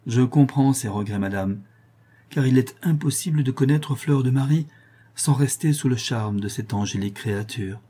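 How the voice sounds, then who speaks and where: A man reading an audiobook, voicing a gentle, attentive gentleman who speaks in a polite, measured way. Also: medium pitch, husky, lightly acted. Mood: courteous.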